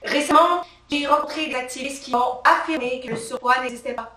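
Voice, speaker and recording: A woman's voice: high voice, a little fast, bright, forceful tone. A woman performing a theatrical, emphatic satirical monologue as a comic journalist character on a live stage. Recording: roomy live stage sound from a distance.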